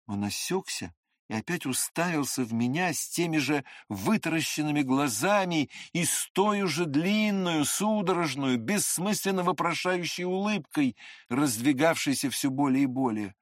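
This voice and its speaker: A reader narrating a classic novel in expressive, scripted audiobook style. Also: mid-range voice, normal speed, no echo, studio quality.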